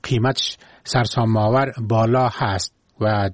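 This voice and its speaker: A man's voice: on the low side, fairly even intonation, no room sound. A man with an Afghan accent formally presenting a radio programme as its host.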